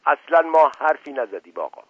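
A man's voice: on the high side, very animated, slightly rough, dry recording, voice pushed up, heavily acted. A man reading aloud, voicing an older male servant who is humble and timid yet stubbornly keeps correcting his master. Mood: insistent. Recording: dry, narrow phone-like sound.

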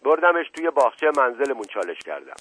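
A man voicing a playful, quick-witted aristocratic gentleman who speaks in a mock-solemn, teasing way. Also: medium pitch, very animated, husky, pitched above the performer's own voice.

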